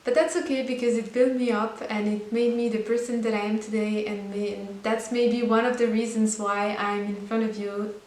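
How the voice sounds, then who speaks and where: Her voice sits fairly high with little pitch variation, a touch mellow, at normal speed with few pauses. She's a native French-speaking Belgian woman in her twenties, earnestly chatting about her life to camera in a casual monologue, with small restarts, over faint hiss in an echoey room.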